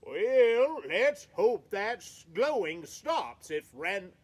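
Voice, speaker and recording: A man's voice: high-pitched, sing-song, very slow, exaggerated voice. A man voicing Santa Claus in a storybook read-aloud, fussing about a glowing nose with a stumbling, fussy manner. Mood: concerned. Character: jolly old Santa Claus, fussy about the sleigh team.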